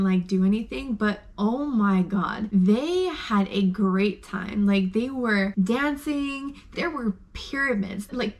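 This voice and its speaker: Young woman from Arizona, slightly high voice, gushing casual vlog chatter full of fillers. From Arizona, USA. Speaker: vlogger. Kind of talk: casual chat.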